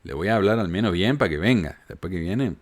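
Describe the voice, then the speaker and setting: A man's voice: low-pitched, animated, quick pace. A man from Argentina with a Córdoba accent hosting a podcast, reading listener messages aloud with sarcastic asides. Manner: sarcastic, reads quoted messages with mocking emphasis. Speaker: podcast host. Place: home in Utah.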